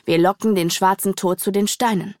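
A woman's voice: medium pitch, steady tone, normal speed, darkish tone, no room sound, studio quality, natural voice. Woman reading a resolute male angel warrior.

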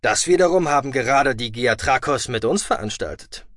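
A man voicing a calm, dryly humorous male space commander in an audiobook. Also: dry recording, studio quality, close to an everyday voice. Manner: calm, measured, lower. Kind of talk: audiobook reading.

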